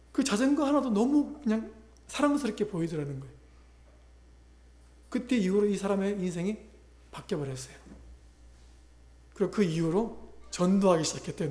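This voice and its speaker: Man, pastor, sermon storytelling, voices the characters, mellow tone, roomy church echo. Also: high-pitched. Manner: retells a conversion story, voicing the people in it. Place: church sanctuary.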